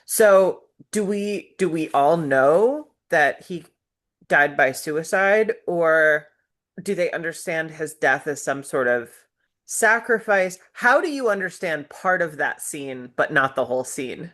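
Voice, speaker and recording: A woman with a notably low voice co-hosts a relaxed book-club podcast. She works through the text in a measured, analytical way and keeps raising questions. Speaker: podcast co-host.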